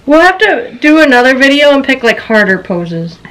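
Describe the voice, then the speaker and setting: A woman's voice: high-pitched, big pitch swings, normal speed, a bit bright. A woman co-hosting a casual vlog at home, laughing often while she strains through the poses. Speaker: vlog co-host. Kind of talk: casual chat. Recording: roomy, distant, noisy room sound.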